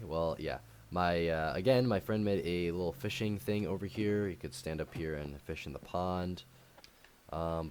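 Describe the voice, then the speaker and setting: A young man casually touring his game world, rambling with frequent ums and soft laughs. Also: low-pitched. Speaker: gaming YouTuber. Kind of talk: casual game tour commentary.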